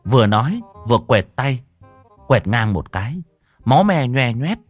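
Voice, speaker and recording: Lively male story narrator. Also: mid-range voice, moderate pace, no echo, faint music behind. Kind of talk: audiobook narration.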